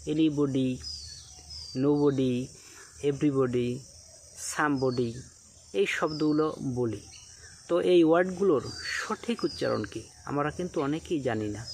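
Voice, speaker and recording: A man teaching English pronunciation, saying example words slowly and deliberately and repeating them with emphasis. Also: a little high, a little hiss or hum. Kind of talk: pronunciation lesson.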